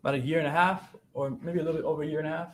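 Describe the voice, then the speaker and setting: A man, a defense attorney, quickly questioning a witness from a courtroom podium with halting restarts, heard in a courtroom recording. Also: steady tone. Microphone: courtroom podium microphone. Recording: echoey courtroom, faint rumble.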